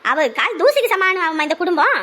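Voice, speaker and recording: A woman scolds sharply and indignantly, her pitch very high. Her talk is loud and rapid-fire in a village family quarrel. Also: expressive. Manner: lamenting then fiercely scolding. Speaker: wife of the brother, sister-in-law of the bride's side. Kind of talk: rural family drama acting.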